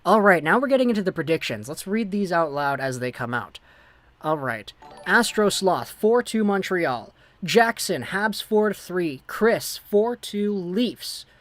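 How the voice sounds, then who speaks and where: This young hockey livestreamer speaks in a high, fairly bright voice with lively intonation and a measured pace. He keeps things casual, reading out messages from viewers and thanking subscribers, all captured in a dry recording.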